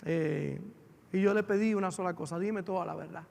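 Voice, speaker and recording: A man's voice: sits high, brisk, gravelly, darkish tone. A man, a pastor telling a family story in a sermon, with emotion that builds as he goes. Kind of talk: sermon testimony. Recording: long hall reverb.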